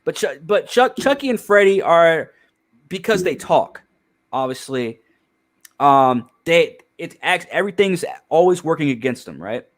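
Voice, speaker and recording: A man's voice: on the high side, expressive, unhurried. Emphatic rambling man reviewing films. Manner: rambling, emphatic, profane, many restarts. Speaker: podcast host. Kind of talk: casual film review chat.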